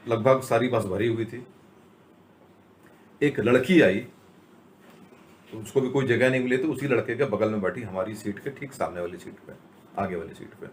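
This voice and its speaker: A middle-aged man telling a personal anecdote in a conversational way, pausing for reflective asides that carry a moral. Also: medium pitch, a little hiss or hum. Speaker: storyteller. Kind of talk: moral storytelling.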